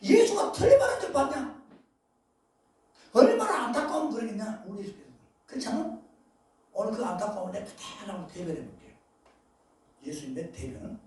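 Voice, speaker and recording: A male pastor preaching a sermon, emphatic, with loud bursts and asides, often questioning his congregation. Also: sits high, a little hiss or hum. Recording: very echoey hall, voice far from mic.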